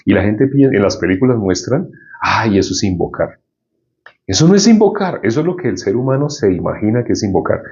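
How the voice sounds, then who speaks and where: A man's voice: medium pitch, sing-song, fast talker, few pauses, dark tone, dull audio. A male preacher giving an informal Bible teaching in a conversational way, often asking his listeners questions.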